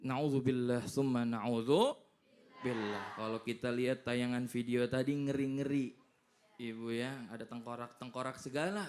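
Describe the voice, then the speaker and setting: A man's voice: medium pitch, steady tone, moderate pace. A man hosting a televised religious talk show, chatty and asking the preacher questions. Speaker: TV host.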